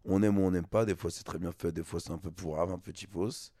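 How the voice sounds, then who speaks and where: A man co-hosting a casual podcast chat, laid-back and slangy, often trailing off softly. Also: low voice, fairly even intonation, brisk, dry recording, clean studio sound. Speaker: podcast co-host.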